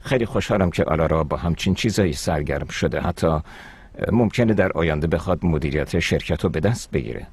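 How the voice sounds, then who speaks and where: An actor playing a calm, measured middle-aged father and company owner in a dubbed drama. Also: very deep voice, breathy edge, no room sound, full character voice. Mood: pleased.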